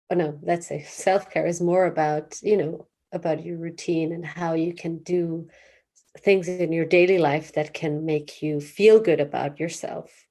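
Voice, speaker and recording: A woman's voice: on the low side, darkish tone. A woman therapist being interviewed, talking casually with many fillers and restarts and vivid images. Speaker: therapist guest.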